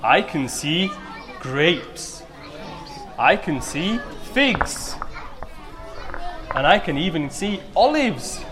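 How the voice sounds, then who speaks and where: A man's voice: fairly high pitch, sing-song, extremely slow, pauses often, a crowd in the background. A man telling religious stories to children like a kids show host, asking them simple questions as he goes. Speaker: storyteller for children.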